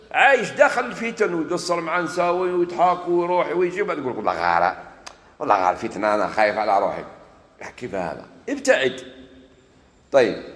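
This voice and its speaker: A man with an Algerian accent preaching a sermon, moving between solemn scripture recitation and lively everyday dialect. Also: on the high side, echoey room, in a large hall. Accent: Algerian Arabic. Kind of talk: sermon mixing classical Arabic and dialect.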